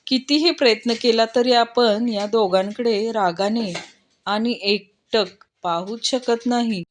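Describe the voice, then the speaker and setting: A woman reading short jokes aloud, dropping low and soft to name each speaker. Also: slow, slight background noise. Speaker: joke reader.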